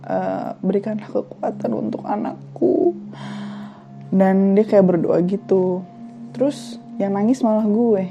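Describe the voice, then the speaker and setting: A woman's voice: medium pitch, dark tone, slight background noise. A young woman vlogger chatting casually through a personal story, with many fillers and asides.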